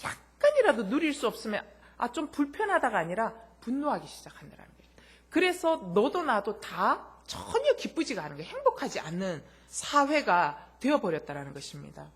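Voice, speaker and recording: A woman pastor preaches to her congregation in a husky voice, asking them rhetorical questions. Her pitch swings widely as she tells anecdotes and acts out the voices in them. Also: big pitch swings, brisk. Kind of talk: sermon.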